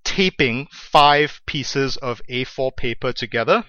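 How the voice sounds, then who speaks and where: A man's voice: mid-range voice, slow, bright, forceful tone, no room sound. Guy guesting on a podcast, jokes at his own expense, dull lo-fi audio. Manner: self-deprecating, laughs often. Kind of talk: casual chat.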